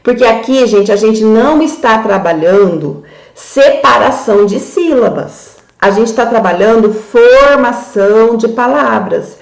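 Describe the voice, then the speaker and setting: Gravelly Brazilian woman teaching reading. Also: a little high, reverberant. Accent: Brazilian Portuguese. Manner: slow, syllable-by-syllable demonstration for young children. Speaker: literacy teacher trainer.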